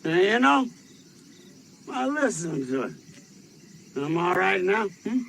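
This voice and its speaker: A drunk, self-loathing army sergeant in a film, slurring and taunting with a lively, swooping voice that sits a little high. His tone is bright and sharp, and he drags every word out very slowly. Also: gravelly, slight background noise, full character voice. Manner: slurred, taunting, swinging into anguish.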